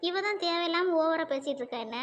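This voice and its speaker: A cheeky cartoon little sister talks back with mocking, defiant jabs in a very high voice, voiced by a woman. The sound is slightly dull and lo-fi, with a faint hiss behind it. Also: fast. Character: cheeky sharp-tongued younger sister. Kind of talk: cartoon voice acting.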